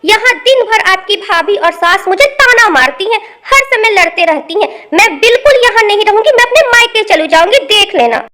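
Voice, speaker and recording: A woman's voice: very high voice, sharp tone, heavily acted. A woman voicing a spiteful young daughter-in-law who gossips and complains. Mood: whiny complaining.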